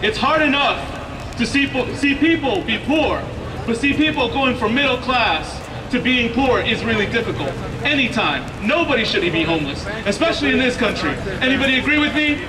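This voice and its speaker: A man's voice: very high voice, lively intonation, moderate pace, background noise. A man giving a rousing union rally speech, exhorting the crowd with repeated phrases and calls for a response. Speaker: rally speaker. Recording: roomy outdoor sound, distant mic, crowd.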